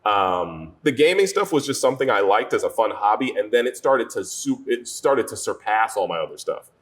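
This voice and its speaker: Lively storytelling man, slightly low voice. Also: moderate pace. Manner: animated storytelling, slips into character voices. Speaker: voice actor and gaming content creator. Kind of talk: casual interview talk. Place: bar and lounge.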